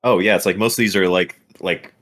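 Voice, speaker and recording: A man's voice: low-pitched, fairly even intonation, brisk, fairly bright tone. A man in a casual chat who rambles and restarts his sentences. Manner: rambling, full of fillers and restarts.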